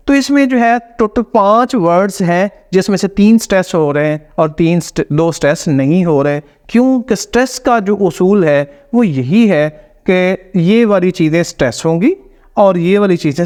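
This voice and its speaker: High-voiced man teaching pronunciation. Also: a little mellow, clean tone. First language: Hindi or Urdu. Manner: explains step by step, demonstrating stressed words slowly. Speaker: English teacher. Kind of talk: pronunciation lesson.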